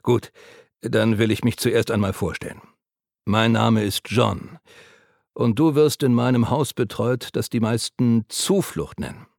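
A man voicing a gentle, chatty caretaker who speaks soothingly to a patient. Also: medium pitch, measured pace, creaky, dry recording, studio quality. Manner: soothing, patient, overly talkative.

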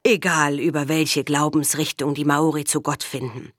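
A woman reading the part of a gentle, earnest male priest. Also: low voice, level tone, normal speed, no echo, clean studio sound. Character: serene male missionary priest.

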